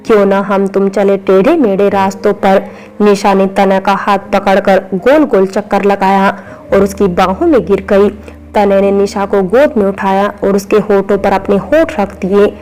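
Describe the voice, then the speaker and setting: A woman narrates a romantic story from a script. Her pitch sits in the middle and barely moves, giving an even, steady reading. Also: low-quality recording.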